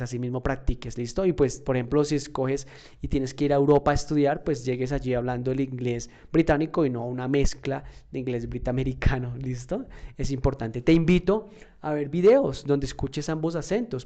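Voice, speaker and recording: A man's voice: medium pitch, dark tone. A man teaching a casual spoken lesson, conversational and explanatory, often checking in with his listener. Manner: conversational, checks in with "¿listo?" and "¿verdad?"; fillers and restarts, measured explaining. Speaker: English teacher.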